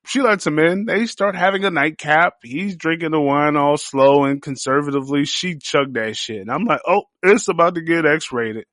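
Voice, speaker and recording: A man's voice: a little high, normal speed, few pauses, fairly bright tone, no room sound, studio quality. A young man hosting a podcast, reviewing a series in a crude, joking, slangy riff full of profanity. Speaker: podcast host.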